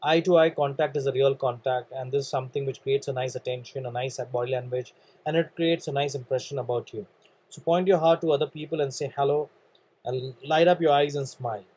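An Indian man with an Indian English accent delivers an earnest motivational training talk on networking, often calling his listeners "guys" while coughing and clearing his throat. His mid-range, darkish voice is steady and a little fast, and the recording is low quality.

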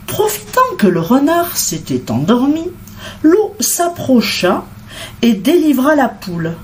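A woman reading a children's storybook aloud as narrator, expressive and unhurried. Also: high voice, a little hiss or hum. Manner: expressive, unhurried, sing-song.

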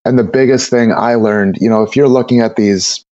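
A man's voice: mid-range voice, fairly even intonation, normal speed, mellow, dry recording, dull audio. A man talking casually as a brewer guest on an interview podcast, rambling with many repeated words and fillers.

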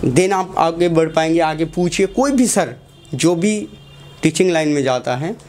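A man's voice: on the high side, a little slow, darkish tone. A young man, a teacher giving a motivational talk to students in a classroom, asking the class short questions and repeating key lines.

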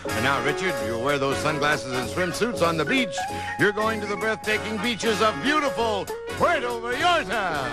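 Brief: male TV announcer, salesy, fairly high voice, loud music bed underneath. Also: animated, normal speed. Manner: polished and enthusiastic salesmanship. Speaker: show announcer. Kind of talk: announcing prizes with ad copy. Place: TV studio.

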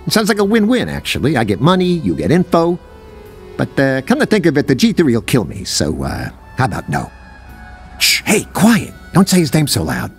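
A man's voice: mid-range voice, wildly swooping pitch, moderate pace, soft background music. A man voicing a nervous, chatty male alien townsperson who hems and hesitates, in video game dialogue.

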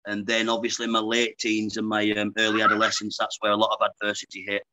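A Lancashire man in his thirties, a professional boxer appearing as a guest, chats frankly and casually on a video call from an indoor room, often calling the host "mate." His voice sits lowish and monotone, quick, pushed and bright. Picked up through earbuds, the audio is dry with no echo and of low quality.

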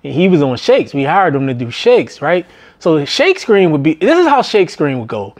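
A middle-aged man recounts his restaurant management days in a loose, conversational ramble. His voice sits a touch high for a man, and he keeps punctuating his thoughts with "right?" and "man." When he quotes other people, he jumps into high, strained voices. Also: wildly swooping pitch, normal speed. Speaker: business vlogger and former restaurant manager. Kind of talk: casual storytelling monologue.

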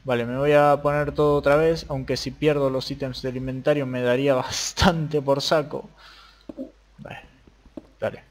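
A young Argentine man talking casually over a modded Minecraft game, jumping between quiet mutters and excited yelps. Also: mid-range voice, moderate pace. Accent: Argentine Spanish. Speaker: gaming youtuber. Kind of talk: casual Minecraft let's play commentary.

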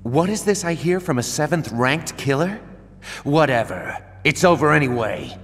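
A man's voice: on the high side, very animated, normal speed, slight background noise. An actor playing a cocky, laid-back young male assassin who taunts his foes in a game. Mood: taunting. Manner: swaggering, taunting. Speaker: assassin hero. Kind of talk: video game voice acting. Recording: game audio with loud music.

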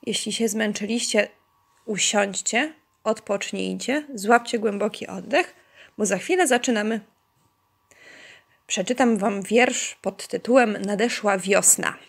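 A woman preschool teacher takes her time with each word and leaves long pauses for the little ones at home. Her pitch sits in an ordinary middle range. She speaks clearly and keeps cheering the children on as she leads them through the lesson. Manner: slow, clear and encouraging, praising the children. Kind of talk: online lesson for young children.

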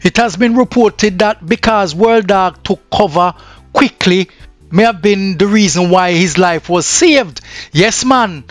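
Man, Jamaican accent, news commentator, high pitch, dry, faint background music. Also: a little slow, no echo. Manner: chatty, drifts into patois.

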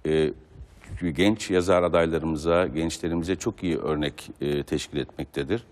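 A male stage actor on a talk show, speaking in a measured way with many pauses and fillers. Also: very deep voice, fairly even intonation, big-room sound. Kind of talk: casual TV talk.

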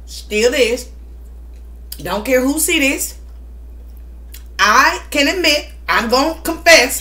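A woman's voice: fairly high pitch, pushed and bright, slight background noise. A middle-aged woman giving testimonial vlog talk in a preacher-like, emphatic way, repeating short phrases. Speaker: mukbang vlogger. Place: small indoor room at home.

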